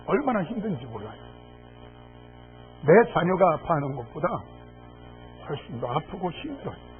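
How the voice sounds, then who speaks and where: A man preaching as pastor, impassioned and pleading at times, soft and wry at others. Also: fairly high pitch, very animated, normal speed. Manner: impassioned, swinging from loud pleading to soft asides; wry humor. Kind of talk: sermon. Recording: tinny phone-like audio with faint music.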